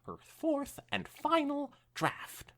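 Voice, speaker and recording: With a high voice and a slow delivery, a female podcast co-host reads fan fiction aloud. She tells it in a swooping, expressive manner and drops in casual remarks along the way.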